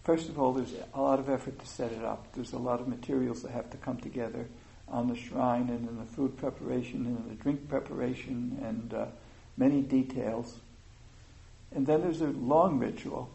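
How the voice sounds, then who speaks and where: A man giving an informal meditation talk, speaking slowly and thoughtfully with many pauses and fillers. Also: medium pitch, fairly even intonation, creaky, dark tone, low-quality recording. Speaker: meditation teacher.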